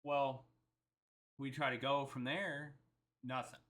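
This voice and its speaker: A man with a bright, forceful voice tells a story in a loose, rambling way. He talks casually and keeps quoting what he and others said along the way. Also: mid-range voice, flat delivery, slow pace. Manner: rambling, chatty, quotes himself and others. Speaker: vlogger.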